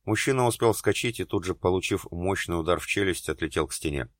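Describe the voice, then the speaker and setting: A man narrating an audiobook in a steady, dramatic storytelling manner. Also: low-pitched, fast talker, no echo, studio quality. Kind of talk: scripted narration.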